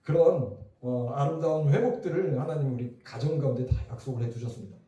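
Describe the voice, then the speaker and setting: A middle-aged man preaching a revival sermon as pastor, lively and asking the congregation questions. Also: medium pitch, brisk, very echoey, recorded from a distance. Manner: lively, talks to the crowd with questions. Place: church hall.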